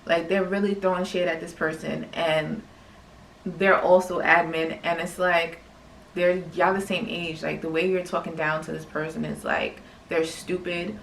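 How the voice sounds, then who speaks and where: Young woman rambling thru a work story, low fry-y voice, kinda far from the mic in an echoey room. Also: moderate pace, a little hiss or hum. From New York. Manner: chatty, animated retelling with lots of "like". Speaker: vlogger and teacher. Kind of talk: casual storytelling vlog.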